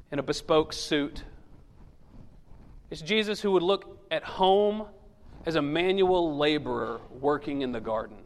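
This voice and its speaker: A man preaching a sermon in a church, telling the story with humor and acting out the voices of the people in it. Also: a little high. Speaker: pastor. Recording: long reverb of a large hall.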